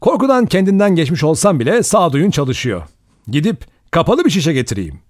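A man voicing a wry, confident male adventurer in an audiobook, brisk and amused. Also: a little high, very animated, darkish tone, no room sound, studio quality, voice pushed up. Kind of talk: audiobook character voice.

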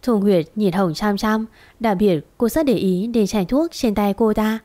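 A woman tells a romance story in a steady, even reading voice. Her pitch stays in the middle range. She keeps a calm storyteller's pace throughout. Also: unhurried.

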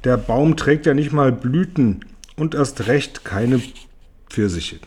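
A man voicing a greedy, cruel elderly aunt with a husky voice in a storybook reading, ordering people around scornfully. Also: medium pitch, expressive, slow pace, a little mellow. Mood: scornful bossy. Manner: scornful, commanding.

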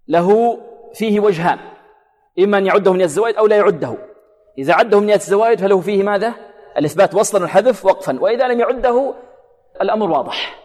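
Quran teacher with a long hall echo. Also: male voice, sits high, darkish tone. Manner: quizzes listeners with prompt questions, then answers; repeats words slowly to model pronunciation. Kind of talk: recitation lesson with recited examples.

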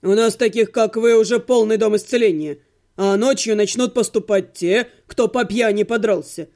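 Lady putting on a worn-out grumpy healer guy, low voice, storybook. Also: moderate pace, warm tone, close to an everyday voice. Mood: weary. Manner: tired, grumbling. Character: weary grumbling male healer. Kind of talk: audiobook character voice.

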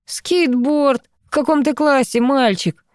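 A woman's voice: high voice, slow, no room sound, studio quality, voice pushed up. A woman voicing a brash, jealous young man who talks in a hysterical, mocking way in an audiobook. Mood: taunting.

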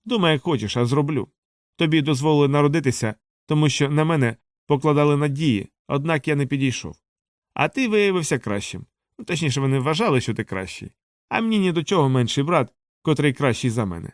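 A man's voice: on the high side, animated, a little fast, dry recording, studio quality, close to an everyday voice. A man voicing a cruel, bullying older boy who taunts and threatens his younger brother. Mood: menacing.

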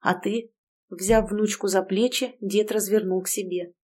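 A woman narrating a horror audiobook in a steady, measured storytelling voice. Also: mid-range voice.

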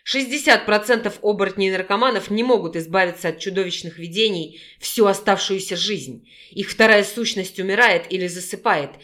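A woman reads an audiobook with steady scripted narration. Her storytelling stays even as she carries the prose between the lines of dialogue. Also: medium pitch, brisk, hardly any pauses.

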